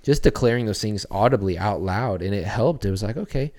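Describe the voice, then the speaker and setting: A man's voice: fairly low pitch, brisk, darkish tone. A young adult man, a children's church pastor, talking earnestly and reflectively in a podcast interview, with frequent fillers and restarts.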